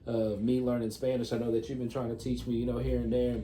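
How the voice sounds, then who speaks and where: A man's voice: medium pitch, level tone, quick pace, warm tone. A man interviewing a guest in casual talk, affirming often and rambling through restarts. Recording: roomy, distant mic with background hum.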